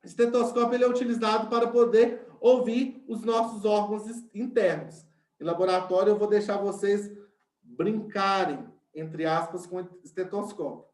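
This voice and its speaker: A man's voice: sits high, moderate pace, a little mellow. Mineiro teacher man in an echoey room. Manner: explains step by step, often checks in with the class. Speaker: science teacher. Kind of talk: online class lesson.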